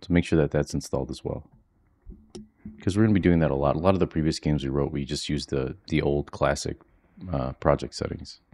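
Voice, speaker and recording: A man teaching a software tutorial from home in a quiet, low-key monotone, walking through each step casually with plenty of fillers. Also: a little fast. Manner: relaxed walkthrough with frequent fillers. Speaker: coding instructor. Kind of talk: screen-recorded software tutorial. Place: home, with children asleep nearby.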